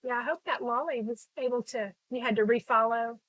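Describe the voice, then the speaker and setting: Here the Texan-accented instructor, middle-aged, sounds a bit fast and fairly bright, her pitch on the high side, as she paints and rambles to her live-stream audience, greeting people by name. Her phone camera captures it roughly, with no room sound.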